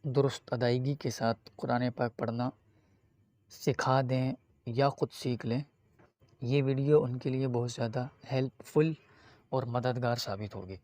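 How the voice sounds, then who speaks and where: Male Quran reading teacher, online lesson, dry close sound, long drawn-out recitation. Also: medium pitch, fairly even intonation, a little mellow, no echo. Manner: addresses viewers directly.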